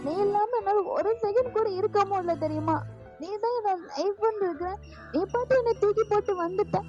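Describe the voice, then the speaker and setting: A heartbroken young man begs and pleads through tears, voiced by a woman in a fan audio story. The voice sits very high, and soft music plays under a dull, lo-fi recording. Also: fairly quick. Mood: pleading. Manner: tearful, begging, repeats his name. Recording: lo-fi voice with music behind.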